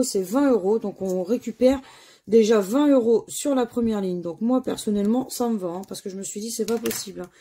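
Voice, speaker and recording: A woman from France talks her viewers through scratch cards in a slow, unhurried way, reading letters aloud one at a time. Her voice is gravelly and husky, with a dark, mellow tone. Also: on the high side. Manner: slow, spells letters aloud, sighs over losses. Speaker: scratch-card vlogger. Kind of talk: casual commentary while scratching tickets.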